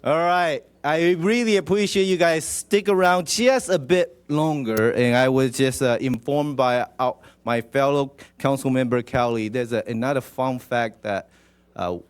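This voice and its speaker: Speaking in a clear, resonant, mid-range voice at a measured pace, a man with a Taiwanese accent acts as mayor at a council meeting. His ceremonial address is informal, chatty, and jovial, includes a proclamation reading, and addresses people directly.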